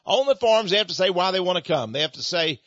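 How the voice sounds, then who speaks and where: A man's voice: high-pitched, expressive, fast talker, fairly bright tone, no room sound. A man hosting a talk show, delivering an opinionated monologue in a sarcastic, mocking way. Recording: dull lo-fi sound.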